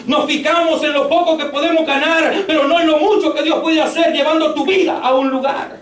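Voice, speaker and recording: A male pastor preaching a fervent sermon in a church, often raising his voice to a shout. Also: very high-pitched, steady tone, fairly quick. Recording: echoey church from far off, faint noise.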